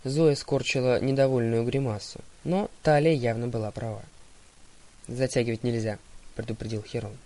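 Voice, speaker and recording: A man narrating an audiobook in an even, steady voice. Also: medium pitch, a little fast, hardly any pauses.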